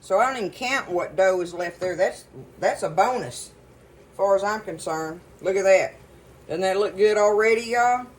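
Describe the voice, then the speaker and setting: A woman's voice: medium pitch, normal speed, a little hiss or hum, low-quality recording. Chatty woman cooking at home. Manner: chatty, folksy, rambling storytelling. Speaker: cooking show host. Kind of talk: casual cooking demonstration. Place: home kitchen.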